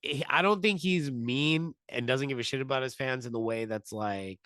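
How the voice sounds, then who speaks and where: A man's voice: mid-range voice, moderate pace, fairly bright tone, no room sound. A man co-hosting a podcast in casual chat, chatty and laughing, swearing freely. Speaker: podcast co-host. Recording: dry close sound.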